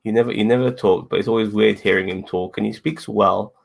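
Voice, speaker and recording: In a relaxed wrestling review conversation, a co-host speaks a little fast with fairly even intonation. His voice is fairly low and heavy with fry, and he tends to ramble, say the same phrases again, and curse.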